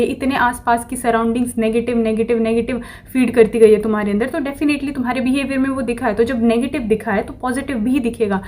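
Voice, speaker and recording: A woman giving a casual motivational talk to camera, repeating phrases over and over and slipping affirmations into her speech. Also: on the high side. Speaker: self-improvement vlogger.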